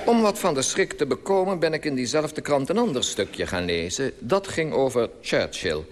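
A man's voice: mid-range voice, very animated, normal speed, big-room sound, a crowd in the background. A man delivering a dry, mocking satirical monologue for old radio.

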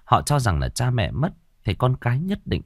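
A man narrating a ghost story in an expressive storytelling manner. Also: mid-range voice, moderate pace, no room sound, clean studio sound.

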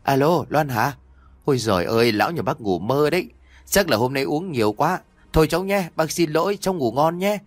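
A man voicing an elderly countryside wife who scolds her husband in a hurried, fussing way. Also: fairly high pitch, lively intonation, dry recording. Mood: apologetic. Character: flustered elderly wife of village head.

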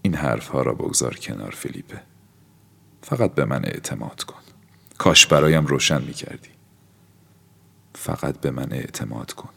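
A man voicing a timid, evasive young woman who speaks softly, almost in a whisper, in an audiobook. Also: a bass voice, fairly even intonation, vocal fry, long pauses, slightly rough, exaggerated voice. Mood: pleading. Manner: soft, hushed, near-whispered lines. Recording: long hall-like reverb.

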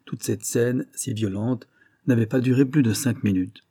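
A man reading a detective story aloud in measured, dramatic narration. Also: medium pitch, mellow, slightly rough, dry recording, studio quality. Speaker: audiobook reader. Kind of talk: scripted narration.

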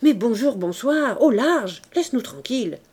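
A woman voicing a middle-aged male crook who scolds his daughter in a grumbling, hushed way. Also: on the high side, expressive, moderate pace, slightly rough. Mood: irritated.

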